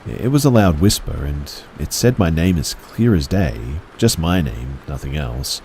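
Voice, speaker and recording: Deep male horror narrator, measured and hushed delivery. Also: big pitch swings, gravelly, a little hiss or hum, poor audio.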